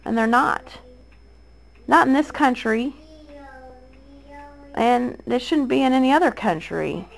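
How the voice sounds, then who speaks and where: Here a mother in her thirties delivers a monologue straight to camera, addressing those who accuse her. Her voice is slightly high and gravelly, with lively intonation and a slow pace, and the recording is rough. She is aggrieved and insistent, repeating herself amid many restarts and fillers.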